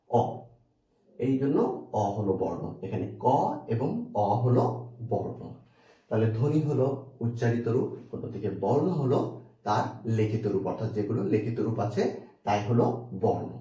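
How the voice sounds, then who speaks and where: A man teaches an exam-prep grammar lesson in a mellow, mid-pitched voice. He puts questions to the viewer and answers them himself, slowly spelling out words. He sounds set back from the mic in an echoey room. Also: recorded from a distance, highs cut off.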